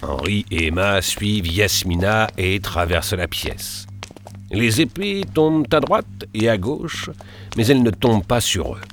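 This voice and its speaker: Animated low-voiced male storyteller. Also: unhurried, faint music behind. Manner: expressive, animated reading. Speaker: narrator. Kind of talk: storybook narration.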